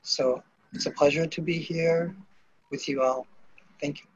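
Slow, hesitant Japanese man. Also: on the high side, fairly even intonation, slightly rough, dry recording. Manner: hesitant, many pauses and fillers. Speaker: organ procurement director, panel guest. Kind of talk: video call interview. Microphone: computer mic on video call. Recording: dull lo-fi video call audio.

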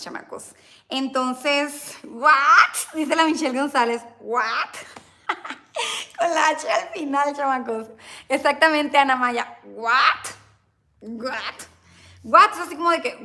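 Mexican youtuber lady chatting with her viewers live, bright playful voice. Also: high-pitched. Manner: chatty, playful, calls viewers "chamacos" and "bebé". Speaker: YouTuber hosting a livestream. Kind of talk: casual livestream chat, reading a diary.

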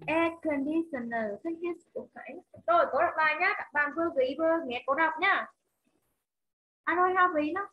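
A woman teacher with a Vietnamese accent running an online English vocabulary drill. She models each word slowly, repeats it and coaxes her pupils to say it back, on a video call. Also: high voice, highs cut off.

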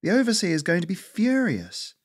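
A man voicing a sharp-tongued older female squirrel in a storybook reading, scolding and snappish. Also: sits high, huge pitch swings, brisk, voice pushed up, full character voice. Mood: exasperated.

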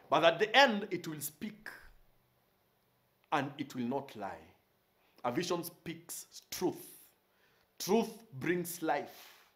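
A man's voice: fairly high pitch, a bit bright. A man in his forties, a pastor standing in a small studio, preaching a recorded sermon with emphasis and repeating his key phrases. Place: indoor studio with purple curtain backdrop.

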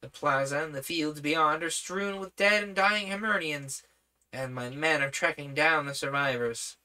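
A man voicing an eager, boyish young prince who chatters excitedly in a storybook reading. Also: a little high, normal speed. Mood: boyish excitement. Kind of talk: audiobook character voice.

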